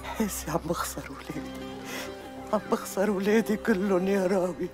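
A woman's voice: mid-range voice, brisk, music in the background, lightly acted. A woman playing a distraught, pleading mother. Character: desperate mother of a kidnapped boy. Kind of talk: TV drama acting.

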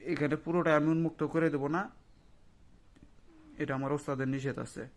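A man, a spiritual healer who speaks directly to listeners and recites a long mantra slowly and carefully. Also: fairly high pitch, steady tone. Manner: slow measured chanting of verses; talks directly to viewers, earnest. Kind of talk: religious talk and mantra recitation.

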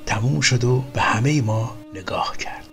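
Calm male storyteller over soft music. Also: mid-range voice, gravelly. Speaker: narrator. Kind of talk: storytelling narration. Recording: faint music underneath.

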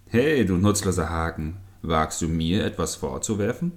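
A grumpy fisherman loses his temper and threatens his own fishing hook in a storybook tale, as a man puts him on. The voice is very deep and low, and it sounds scolding and threatening. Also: expressive, unhurried, a little mellow. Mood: angry. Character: grumpy, hot-tempered adult male fisherman.

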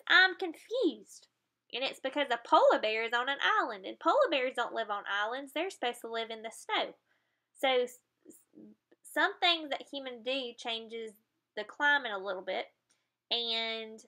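A woman's voice: fairly high pitch, a bit bright. A woman reading a children's picture book aloud, explaining the pictures and adding playful sound effects.

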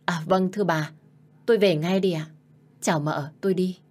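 A woman's voice: lowish voice, steady tone, normal speed, darkish tone, lightly acted. A deferential male servant answers politely and dodges questions, voiced by a woman telling a story. The delivery stays close to a plain reading voice. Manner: polite and evasive.

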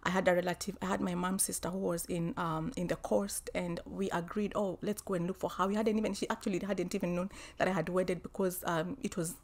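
A woman telling a personal story, halting, with many restarts and fillers, and at times dropping to a soft whisper. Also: lowish voice, steady tone. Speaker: vlogger.

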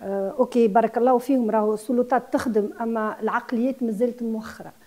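A woman's voice: fairly high pitch, steady tone, rapid-fire, dark tone. A Tunisian woman in her sixties who runs a guesthouse, speaking with passion as a TV interview guest and mixing in French words. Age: 60s. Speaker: guesthouse owner.

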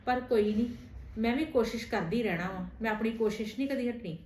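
A woman playing a patient stepmother who softly coaxes and pleads with her stepson in a homemade family drama. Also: on the high side, fast talker, slight background noise, lightly acted. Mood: resigned. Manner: soft, coaxing, affectionate pleading. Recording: roomy room with faint music.

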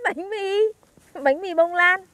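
A woman's voice: extremely high pitch, slow, sharp tone, dry recording. A young woman, teasing and chatty as a granddaughter in a comedy skit.

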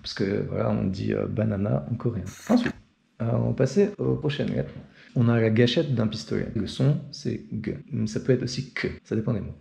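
A man's voice: fairly low pitch, moderate pace, creaky, warm tone. A young man explaining an alphabet in a casual, chatty tutorial and often checking in with the viewer. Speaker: language teacher.

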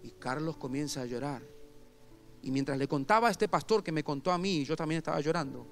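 Animated high-voiced preacher. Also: male voice, fairly quick, faint music behind. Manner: animated storyteller, swings between hushed asides and loud outbursts. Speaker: pastor. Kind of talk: sermon. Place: church service.

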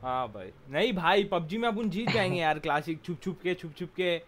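A man's voice: high-pitched, animated, fairly quick, crowd noise. A man streaming a shooter game and bantering casually with his friends, teasing and joking as he plays. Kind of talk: casual gaming chat.

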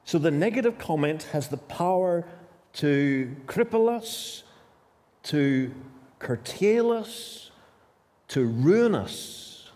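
His voice is high-leaning and dark, swinging widely in pitch at a slow pace. A Northern Irish man in his fifties, he preaches with emphasis and repetition at a church-hall lectern, occasionally racing forward. The recording uses lectern stand mics and a far-off camera.

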